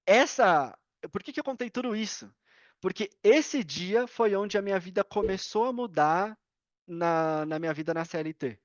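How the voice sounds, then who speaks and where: On a video call from his computer, a Brazilian man guests on a podcast and tells casual personal stories, full of slang and acted-out bits of dialogue. His high voice comes at normal speed through slightly dull, dry online-call audio.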